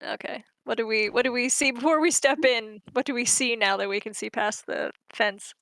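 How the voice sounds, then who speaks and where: A woman's voice: a little high, fairly even intonation, moderate pace, fairly bright tone, dry recording. A young woman playing a tabletop game, chatty and asking questions. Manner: chatty, asks questions, giggles. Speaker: player. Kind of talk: casual tabletop play.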